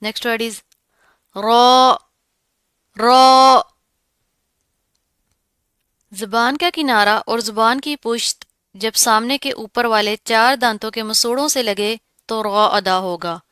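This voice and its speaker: A woman gives a pronunciation lesson. Her voice is bright and crisp, a little high, and recorded dry and close. She explains each sound and then says it slowly and drawn out. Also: no echo. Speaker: Quran recitation teacher.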